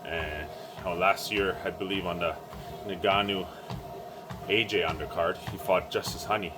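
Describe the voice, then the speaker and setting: A man giving casual, halting solo sports commentary, thinking aloud while exercising on a treadmill. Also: low voice, fairly even intonation. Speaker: boxing vlogger giving fight predictions. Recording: music playing behind the voice.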